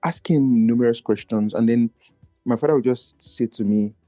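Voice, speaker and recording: At a normal speed and with a warm tone, a Nigerian man talks as a podcast guest, earnest and searching, frequently beginning his thoughts again. His low voice is one he feels does not carry. Soft background music accompanies the dry recording of this reflective personal conversation.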